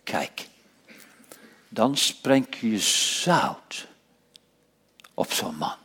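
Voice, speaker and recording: A man preaching a sermon, dropping to hushed whispers and rising to loud, emphatic passages, slowing down to stress key phrases. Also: fairly low pitch, sing-song, slightly rough. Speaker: pastor.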